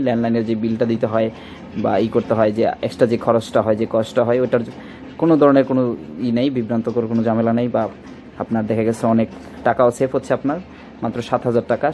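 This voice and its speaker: Speaking at a racing pace, this man has a mellow, medium-pitched voice with a flat delivery and a Bangladeshi accent. As a shop presenter doing an informal product demo, he repeats himself and fills gaps with placeholder words while he searches for the right ones. There is a little background noise.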